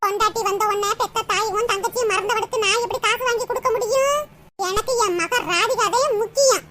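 A woman voicing a scheming older mother-in-law in a cartoon, with a Kanyakumari Tamil accent and a sharp, scolding way of talking. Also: very high voice, fairly even intonation, fast, slight background noise. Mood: defiant. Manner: scolding, sharp-tongued, doting to her daughter. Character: older scheming mother-in-law who favours her daughter. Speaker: cartoon voice actor. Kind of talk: comic cartoon voice acting.

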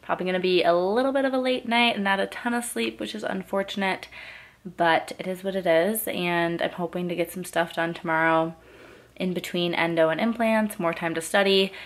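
A woman's voice: on the low side, fairly even intonation. A woman in her twenties, a dental student, chatting casually to a laptop camera in her bedroom at night, rambling through her day. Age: 20s. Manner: chatty and rambling, quick asides.

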